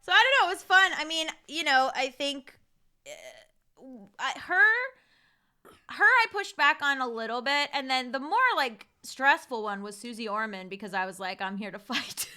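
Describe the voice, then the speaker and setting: A woman in her thirties, a podcast guest telling stories in casual chat, animated and quick to swear. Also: sits high.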